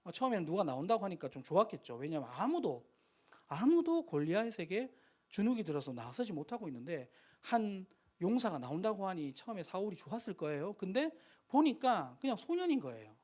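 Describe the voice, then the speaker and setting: Man preaching, lively pitch. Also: brisk. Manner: chatty, self-correcting, laughs at his own slips. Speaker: preacher at a worship meeting. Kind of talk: conversational sermon. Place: live worship meeting.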